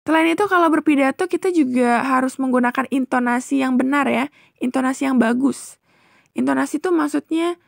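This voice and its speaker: A woman's voice: high voice, vocal fry, no room sound, studio quality. A young woman teacher explaining a lesson to children in a chatty, patient way, asking questions and answering them herself. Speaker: primary school teacher.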